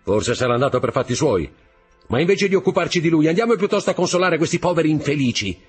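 A man's voice: fairly high pitch, expressive, quick pace, breathy edge, soft background music, pitched above the performer's own voice. A man doing a curt scheming villain. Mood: dismissive. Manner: curt, dismissive.

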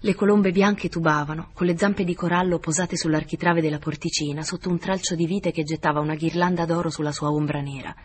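Man narrating an audiobook, slightly high. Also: fairly even intonation, brisk, few pauses, slightly rough. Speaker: audiobook reader. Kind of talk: scripted narration.

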